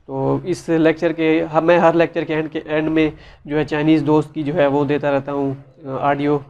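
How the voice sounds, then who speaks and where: A man's voice: medium pitch, a little mellow, dull audio. A man giving a casual spoken lesson, patiently explaining and repeating each word many times, with many fillers. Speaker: language teacher. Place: side room with noise around.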